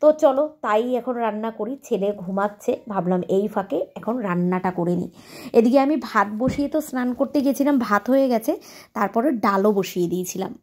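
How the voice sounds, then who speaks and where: A woman's voice: mid-range voice, fairly quick, a little mellow. A woman in her thirties with a Bengali accent, chatting casually to viewers as a housewife vlogger at home. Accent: Bengali (India). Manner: chatty, talks directly to viewers. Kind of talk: casual home vlog chat. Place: home indoors.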